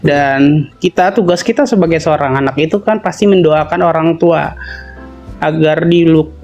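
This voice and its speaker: A man asking a question in a halting way, searching for his words. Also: fairly high pitch, darkish tone, highs cut off, faint music behind. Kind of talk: hesitant question.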